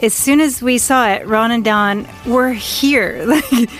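A woman giving an excited, gushing testimonial in a radio ad. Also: a little high, slow. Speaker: client testimonial in an ad. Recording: music bed behind voice.

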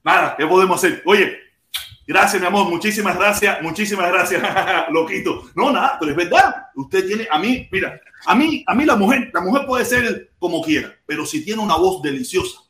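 Cuban male livestream host, high animated voice, echoey room. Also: normal speed. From Cuba. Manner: playful, loud, repeats himself, bursts into shouts. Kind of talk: casual live chat.

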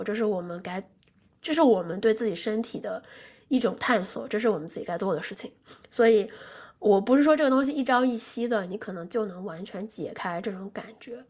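Woman, hoarse gravelly voice, nasally congested from a cold, medium pitch, conversational explainer, casual lesson delivery. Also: darkish tone. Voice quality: husky, gravelly. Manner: conversational, explanatory, checks in with listeners. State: congested, blocked nose. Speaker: sex education presenter.

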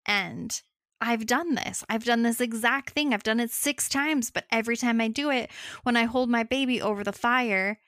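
A woman playing a sea-nymph mother, pitched a bit higher, pleading, worried, storytelling voice. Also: moderate pace, a bit bright, no echo, studio quality, close to an everyday voice. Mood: distressed.

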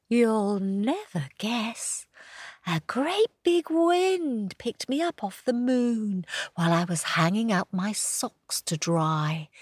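A woman's voice: a little high, a little mellow, slightly rough, no room sound, studio quality, pitched above the performer's own voice, exaggerated voice. A woman voicing a chatty, easygoing male moon rabbit who speaks in a playful, confiding way.

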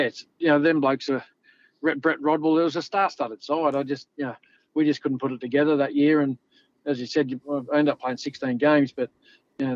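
Aussie bloke rambling thru old stories, bit higher voice, dull audio. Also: male voice, no echo. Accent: Australian. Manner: rambling, laid-back, lots of "you know". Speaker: former rugby league player, guest. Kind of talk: casual interview storytelling.

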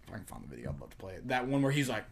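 A man's voice: lowish voice, big pitch swings, very fast, gravelly, slightly rough. A man in casual sports chat, blunt and mocking, often imitating coaches. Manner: blunt, mocking, quotes coaches in put-on voices.

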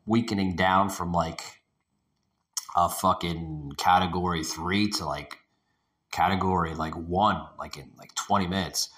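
A man's voice: sits low, fairly bright tone. A man hosting a casual podcast, rambling and swearing as he rants, recorded in an echoey room he does not usually use. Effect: echoing room sound. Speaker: podcast host. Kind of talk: casual ranting podcast monologue. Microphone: home podcast setup over internet connection.

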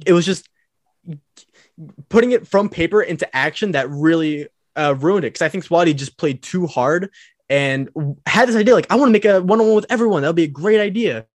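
A man's voice: sits high, dry recording, studio quality. A man co-hosting a casual podcast, telling stories and acting out quotes, with frequent "uh"s. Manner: storytelling, acts out quotes, with filler "uh"s. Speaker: podcast co-host.

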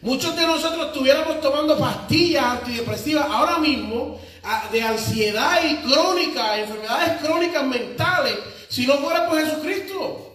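A male pastor delivers a sermon in a high-pitched voice, emphatic and anecdotal with a humorous edge. He is picked up from a distance, and his words bounce around a heavily reverberant church hall. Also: expressive, moderate pace, a bit bright. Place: church service with congregation responses. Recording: very echoey church hall, mic far off.

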